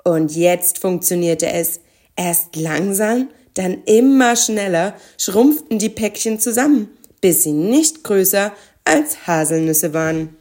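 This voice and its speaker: A woman narrating a children's story in a calm, even storytelling manner. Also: mid-range voice, takes it slowly.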